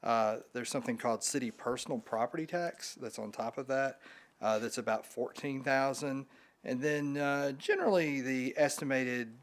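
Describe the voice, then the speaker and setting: A city staff member, a man, answering questions at a council meeting in a measured, hesitant way. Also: medium pitch.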